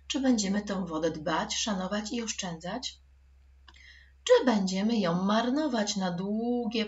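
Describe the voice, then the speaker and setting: Give me a slow, patient woman teaching young children, slightly dull recording. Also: mid-range voice. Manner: slow, patient, addressing pupils directly. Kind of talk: recorded school lesson for children.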